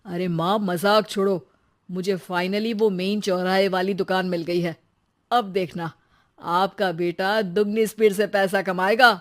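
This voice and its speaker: A performer voicing a young husband and son, an eager shopkeeper in a cartoon story, who talks in an excited way. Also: mid-range voice, a little slow, natural voice.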